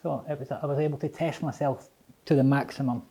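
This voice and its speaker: A middle-aged man with a Scottish accent and slightly slurred, toothless articulation, speaking reflectively and haltingly in an interview, often repeating phrases. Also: mid-range voice, steady tone, mellow. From Edinburgh, Scotland. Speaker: interviewee, English teacher.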